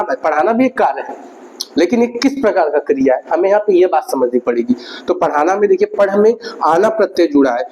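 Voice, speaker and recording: A man's voice: on the high side, mellow. A man giving a grammar lesson, often repeating key words and putting questions to his students. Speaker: teacher. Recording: dull lo-fi recording with faint noise.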